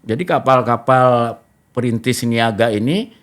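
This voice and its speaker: A talk show host with an Indonesian accent runs a casual interview, explaining his views at length and often checking whether others agree. His voice sits in the mid-range and moves a little slowly.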